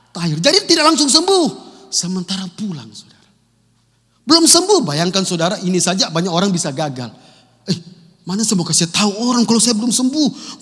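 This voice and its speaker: A male pastor giving an emphatic sermon, swinging from loud to hushed, recorded in a church hall. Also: sits high. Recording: long church reverb.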